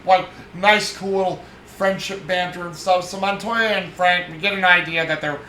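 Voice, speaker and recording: A man's voice: high-pitched, steady tone, moderate pace, bright, forceful tone. A man hosting a casual movie review, rambling with many fillers and restarts as he retells scenes. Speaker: movie podcast host. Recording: echoey room with faint noise.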